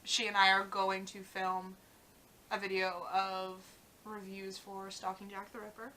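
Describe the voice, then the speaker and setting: Chatty young woman, bright voice. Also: mid-range voice, monotone, unhurried, slight background noise, poor audio. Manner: chatty, many "like" fillers, trails off. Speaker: vlog co-host. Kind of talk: casual chat.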